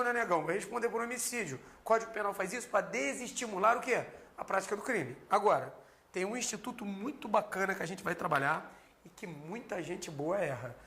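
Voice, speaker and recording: A man, teaching criminal law in an animated, slangy lecture full of personal stories. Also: high-pitched. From Rio de Janeiro, Brazil. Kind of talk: energetic lecture with personal anecdote.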